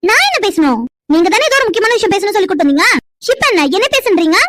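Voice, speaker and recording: A woman's voice: very high voice, sing-song, a bit bright, dry recording, heavily acted. A woman voicing a young woman in a cartoon who argues indignantly with her fiancé. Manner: indignant, rapid retorts. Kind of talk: cartoon dubbing.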